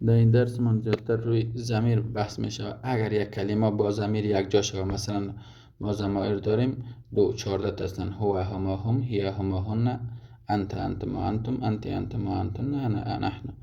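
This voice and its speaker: A man walks through Arabic grammar step by step in a recorded lesson summary, using many examples and often restarting. His voice is fairly low and dark with little pitch movement, and the lo-fi audio is dull with clear noise.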